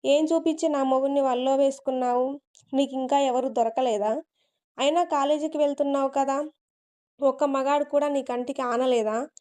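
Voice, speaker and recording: A woman's voice: sits high, fairly even intonation, normal speed, dark tone, close to an everyday voice. A woman reading the lines of a spiteful, scheming young wife in a storybook narration, taunting and scornful.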